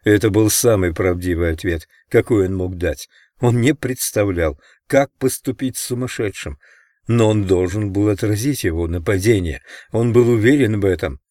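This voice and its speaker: A man with a low voice reads a novel aloud in a measured, even narration. The sound is dry and close, with almost no room around it. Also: dry recording. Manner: measured, steady reading. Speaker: audiobook narrator. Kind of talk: scripted narration.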